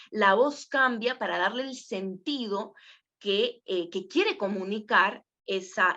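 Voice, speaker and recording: A woman's voice: medium pitch, fairly bright tone. Female voice coach giving a casual workshop lesson, often checks in with the class, muffled recording. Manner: conversational, many fillers, asks the class questions. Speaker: voice and presenting teacher.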